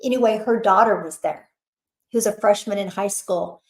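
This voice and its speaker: A woman's voice: mid-range voice, moderate pace, echoey room, rough recording. A woman hosting a motivational webinar, talking in a chatty, emphatic way with lots of fillers. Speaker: webinar host.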